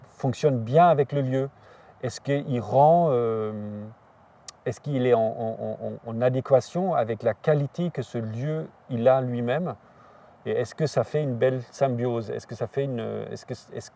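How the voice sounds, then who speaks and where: Recorded from a distance, this artist and biennial curator, a middle-aged man from southern Germany, speaks with a warm, medium-pitched voice. His reflective interview answers are hesitant, full of fillers and restarts.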